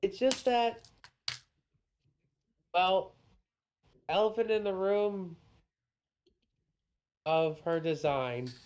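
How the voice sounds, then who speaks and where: A woman talks through game characters on a casual home stream, slow and thoughtful, often pausing with ums. Her pitch sits in the middle for a woman. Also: darkish tone, a little hiss or hum. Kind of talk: casual gaming chat.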